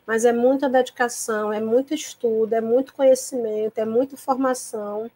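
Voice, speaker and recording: A teacher from Piauí, Brazil, gives a recorded online lecture to other teachers over a video call, her voice pitched a little higher than most women's. She explains things calmly and patiently, frequently adding checking tags to make sure listeners are following. Her throat sounds tickly, as though she needs to cough.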